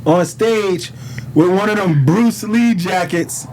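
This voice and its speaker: A rapper from Harlem, guesting on a podcast, tells stories casually in a high voice at a slow pace, with a New York accent. His street slang is animated and full of swearing, and he quotes dialogue. The audio is poor, with a little hiss or hum.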